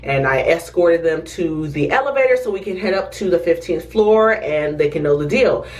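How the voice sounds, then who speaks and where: Chatty Texan woman, low voice, distant mic. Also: normal speed. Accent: US Southern (Texas). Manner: chatty, animated retelling, acts out quotes. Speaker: storyteller, former hotel security officer. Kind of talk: casual storytime narration.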